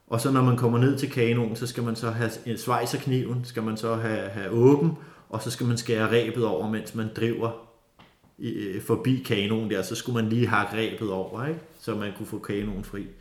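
A man telling a lively, casual story with many fillers and restarts. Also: lowish voice. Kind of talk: casual spoken anecdote. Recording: roomy echo.

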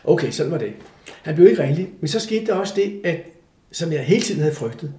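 An older man with a fairly high voice tells a personal story in a relaxed interview. He is animated and acts out the voices of the people he describes. The room is echoey. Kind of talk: casual storytelling.

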